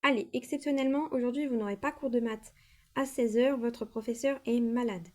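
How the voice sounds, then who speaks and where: A woman voicing a kind but firm female schoolteacher in a toy play-acting story, brisk and directive. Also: a little high, fairly even intonation, darkish tone, lightly acted.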